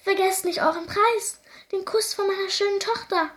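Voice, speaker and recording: A woman voicing a blustering old king who calls out loudly and stammers when taken aback. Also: a little high, animated, drawn-out words, full character voice. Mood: pressing.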